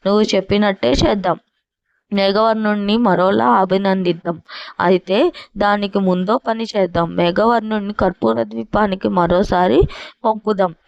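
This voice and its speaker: An ambitious king, as a woman narrator puts him on, eager and boastful. The voice sounds gravelly. The recording is dry and muffled. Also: mid-range voice, no room sound, lightly acted. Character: ambitious male bird king, grand dreamer.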